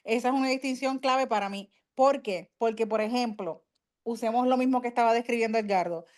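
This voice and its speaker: Woman, Puerto Rican accent, somewhat high voice, measured, explanatory, video call. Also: darkish tone. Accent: Puerto Rican Spanish. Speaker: study group participant.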